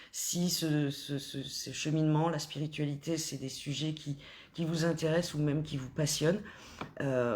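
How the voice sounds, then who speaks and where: Woman spiritual coach, informal talk, hesitant with lots of pauses and restarts, gently encouraging. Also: low-pitched, a little hiss or hum.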